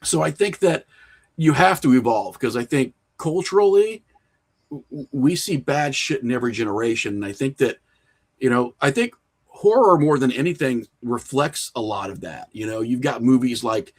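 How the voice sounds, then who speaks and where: Appearing as a guest on a podcast, a middle-aged horror filmmaker and writer talks in an easygoing interview, swearing loosely and poking fun at himself with candor. His medium-pitched voice is expressive and slightly rough, at a moderate pace.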